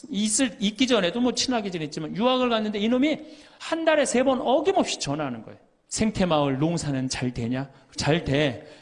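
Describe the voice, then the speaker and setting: Priest, middle-aged man, humorous lecture; high voice, lively swings, playful quoting. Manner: lively, joking, quotes people in little voices.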